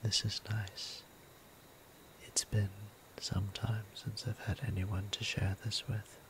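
In an intimate ASMR roleplay, a man portrays a gentle, courteous vampire priest centuries old, speaking formally and tenderly in a hushed half-whisper. His lowish voice is slow and level in tone, the mood concerned and hesitant, and the audio quality is poor.

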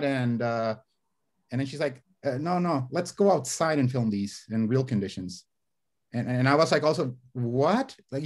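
Rambling in a fairly high-pitched voice, a screenwriter guest with Spanish as his first language joins a casual interview over video call. He gestures and keeps restarting, with many fillers. He's in a home study with bookshelves, recorded through a webcam.

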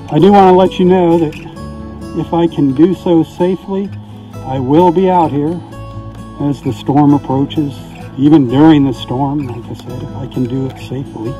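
A man's voice: fairly high pitch, steady tone, moderate pace, mellow, soft background music. Tinny, muffled man reporting from a rainy beach. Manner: easygoing and folksy, signs off with blessings. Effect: tinny, muffled audio from a camera in a weatherproof housing. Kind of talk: casual on-location weather report. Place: outdoors on a beach in the rain. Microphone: camera mic inside a weatherproof housing. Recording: muffled tinny camera audio.

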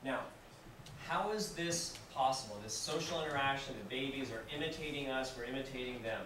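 Lively male lecturer in an echoey classroom. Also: medium pitch, a little fast. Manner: lively, acts out examples for students. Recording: very echoey room, distant mic, background noise.

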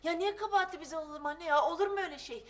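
A young actress playing a witty, kind-hearted, well-read daughter in a sitcom, who argues earnestly and on principle. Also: female voice, extremely high pitch, very fast, fairly bright tone, recorded from a distance. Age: young adult. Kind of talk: sitcom acting.

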